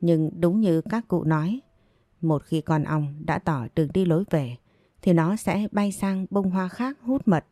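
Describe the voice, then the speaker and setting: Woman storyteller, steady narration, low pitch, dark mellow tone. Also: measured pace, no room sound, clean studio sound.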